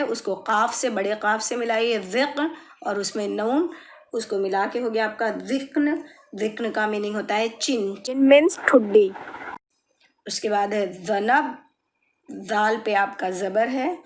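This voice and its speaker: A woman teaching children Arabic words, patiently explaining and repeating each word slowly. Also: fairly high pitch. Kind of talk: slow explanatory lesson.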